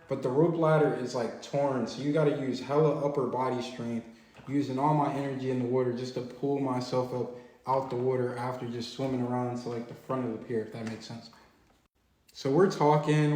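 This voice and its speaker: A young man telling a personal story in casual, slangy, animated conversation. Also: mid-range voice, roomy sound, poor audio.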